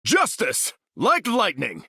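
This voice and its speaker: Stalwart, commanding American super-soldier hero, animated. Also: male voice, high voice, slow pace, creaky, breathy edge, dry recording, clean studio sound, heavily acted. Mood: rallying, urgent. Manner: earnest, commanding, military phrasing. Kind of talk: video game character voice lines.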